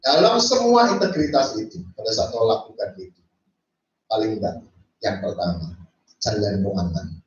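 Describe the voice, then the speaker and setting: A man preaching a sermon as pastor, animated, acting out quoted speech and mixing in English phrases. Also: on the low side, moderate pace, long pauses. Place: church. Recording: echoey church hall from far off, dull sound.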